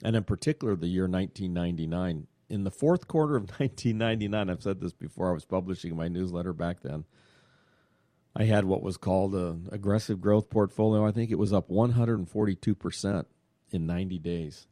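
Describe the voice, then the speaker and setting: A man's voice: low-pitched, a little fast, no room sound, clean studio sound. Chatty man hosting a radio show. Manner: chatty, full of "uh" fillers, excitable. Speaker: radio show host and money manager. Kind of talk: casual radio talk.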